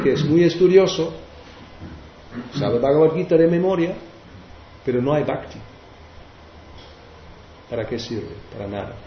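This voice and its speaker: A spiritual teacher leads a devotional class, explaining verses hesitantly with many restarts. His voice is medium in pitch. The recording sounds roomy and dull, with a little hiss or hum.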